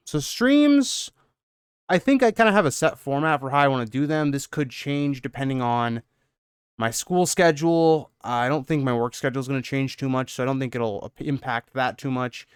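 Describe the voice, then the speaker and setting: A young male channel host talks casually about his plans, still out of breath from working out. His voice is exceptionally clean and smooth, recorded dry and close with no room sound. He rambles along, padding his sentences with "um" and "kind of". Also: medium pitch, no echo. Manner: loose and rambling, full of "um" and "kind of" hedges. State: out of breath after a workout. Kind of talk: casual channel update talk.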